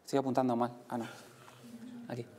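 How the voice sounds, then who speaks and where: A man with a Spain Spanish accent giving a live lecture to an audience, lively and demonstrative, jumping his voice up and down to show emotions. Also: brisk, slight background noise. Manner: lively, demonstrates voices with big pitch jumps. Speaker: conference speaker. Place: lecture room.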